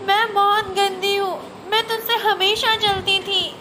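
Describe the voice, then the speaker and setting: A woman's voice: very high-pitched, level tone, a little slow. A woman playing a jealous, boastful young girl in a homemade family skit, with a whiny, teasing delivery. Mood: remorseful. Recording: noisy home recording.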